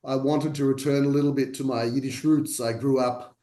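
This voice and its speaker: Speaking a little fast in a medium-pitched, steady, dark voice, this man from Australia is a translator appearing as a guest over video call. The talk is conversational, he often restarts and pokes fun at himself, and the audio has a roomy quality.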